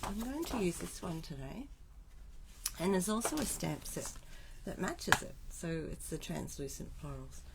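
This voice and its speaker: An Australian woman demonstrating card making on a live stream chats casually, throwing in asides to herself as she sets up. Her voice is on the low side, very animated and at normal speed, with vocal fry and a scratchiness from a cold.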